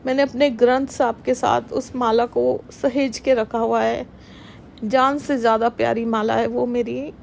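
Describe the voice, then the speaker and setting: Woman, middle-aged, devotional testimony, slow and emotional, slightly high voice, faint background hiss. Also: fairly even intonation, creaky, darkish tone. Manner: emotional, earnest, addresses listeners as sangat ji. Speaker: devotional satsang speaker.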